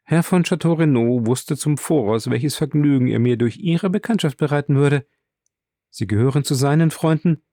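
A man's voice: mid-range voice, moderate pace, warm tone, dry recording, close to an everyday voice. A courteous young viscount, as a male narrator voices him, speaking in a gracious, somewhat absent-minded way. The voice is a little raised, and the audiobook recording is dry and close. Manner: polite, slightly distracted.

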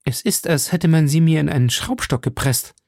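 A man voicing a cunning young noblewoman on the run, speaking high, breathy and fervent. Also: normal speed, a little mellow, no echo, studio quality. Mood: plaintive.

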